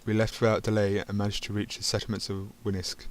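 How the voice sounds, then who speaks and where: A man's voice: fairly low pitch, monotone, quick pace. A man reading a narrative game's text aloud, stumbling over words and adding dry asides of his own. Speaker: gaming channel host.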